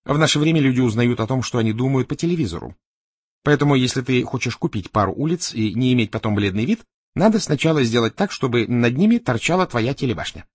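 A man reading an audiobook, voicing a scheming middle-aged tycoon in a raised, excitable voice with a husky edge. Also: medium pitch, fast talker, dry recording, pitched above the performer's own voice. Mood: persuasive.

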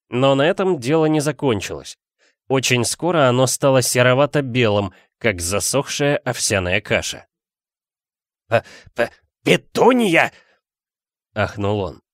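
A man's voice: medium pitch, no room sound, studio quality. A man reading an audiobook, narrating steadily and expressively. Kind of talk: scripted narration.

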